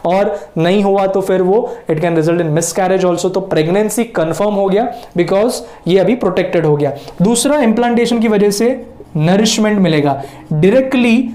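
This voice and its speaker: A man's voice: high voice, mellow. Male biology teacher, echoey room. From India. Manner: switches between Hindi and English, stretches key terms slowly. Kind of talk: whiteboard lecture.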